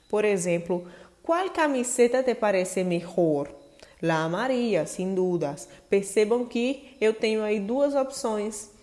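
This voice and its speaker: Brazilian woman teaching Spanish, mellow voice. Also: medium pitch. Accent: Brazilian Portuguese. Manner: patient explaining, reads Spanish examples aloud. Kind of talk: online language lesson.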